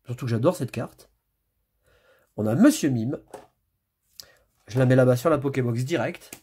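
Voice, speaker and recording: A man with a husky, slightly rough voice at a middle pitch talks his way through opening trading card packs. He rattles off card names as he flips and reacts to each pull in a loose, chatty way. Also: normal speed, warm tone. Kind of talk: casual pack-opening commentary.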